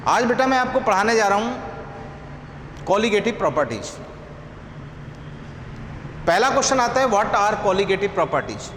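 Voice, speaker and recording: A middle-aged man with an Indian accent teaching chemistry, dictating notes slowly and repeating phrases word by word. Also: sits high, fairly bright tone. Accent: Indian English. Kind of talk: dictating a lecture. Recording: echoey room, long reverb, faint noise.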